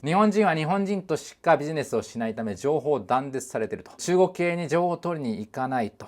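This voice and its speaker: A man hosting his own channel, giving casual commentary in a blunt, informal way and asking his viewers many rhetorical questions. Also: medium pitch. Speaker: channel host and company president.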